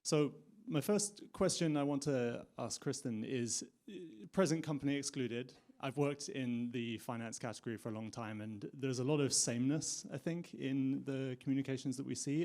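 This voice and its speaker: A man moderating a conference panel, introducing the speakers and asking questions in a measured, polite way. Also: mid-range voice, a little mellow. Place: conference stage with audience.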